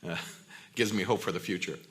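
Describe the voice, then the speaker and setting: A man on a forum panel, speaking in an earnest, measured way. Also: low voice, fairly bright tone. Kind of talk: panel discussion.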